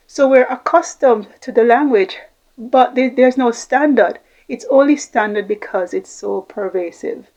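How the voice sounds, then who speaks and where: A Jamaican woman with a medium-pitched, slightly mellow voice hosts an informal talk offering communication tips, reflective and repeating phrases for emphasis. The audio quality is poor.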